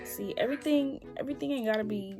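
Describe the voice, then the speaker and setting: A young woman with a fairly high voice chats casually over background music. She is blunt and slangy, swearing freely as she talks to strangers on video. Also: fast, vocal fry. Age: young adult.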